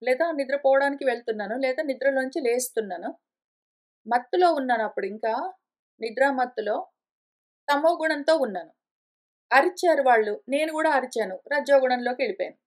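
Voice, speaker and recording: A woman with a high, light voice teaches a scripture class. She explains each point patiently, step by step, building on everyday examples. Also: animated, fast. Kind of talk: explanatory lecture. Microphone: conference call line.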